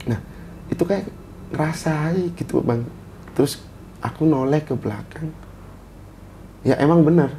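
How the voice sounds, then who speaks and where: A man's voice: fairly high pitch, unhurried, pauses often, mellow, slight background noise. A man from Indonesia telling a story in a casual chat, in short bursts of phrases. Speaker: guest storyteller.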